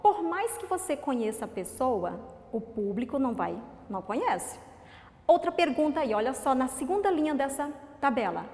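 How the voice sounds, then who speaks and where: A woman teacher with a Brazilian Portuguese accent giving a recorded lesson to children, talking in an animated, sing-song, coaxing way. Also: high-pitched, normal speed. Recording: echoey, reverberant room.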